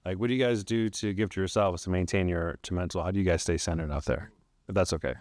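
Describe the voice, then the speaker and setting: A man's voice: low-pitched, fairly even intonation, fast, darkish tone, no room sound, studio quality. A man in the audience politely asking the panel a sincere question, a little hesitant.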